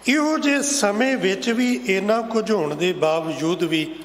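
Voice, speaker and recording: A man's voice: high-pitched, a little slow. A man with a Punjabi accent giving a Sikh sermon in a large gurdwara hall, impassioned, full of rhetorical questions and sung scripture lines. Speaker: Sikh preacher giving katha. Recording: echoey hall with faint ambience.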